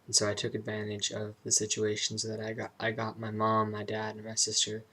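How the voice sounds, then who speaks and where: A young man talking casually and introspectively about personal matters in a vlog, halting and searching for his words. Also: on the low side, monotone, pushed and bright. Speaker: vlogger.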